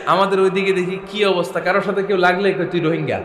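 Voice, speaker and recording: A man preaching a sermon, firing rhetorical questions at the crowd and swinging between loud and soft. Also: high voice, flat delivery, fast. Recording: echoey space with faint noise.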